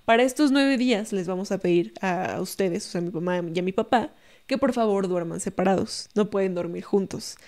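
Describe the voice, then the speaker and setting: A young adult woman with a Mexican accent, telling a story in a casual, animated way and acting out other people's voices. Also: medium pitch, a little fast. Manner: animated, tags lines with "¿no?", acts out quoted voices. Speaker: podcast guest storyteller.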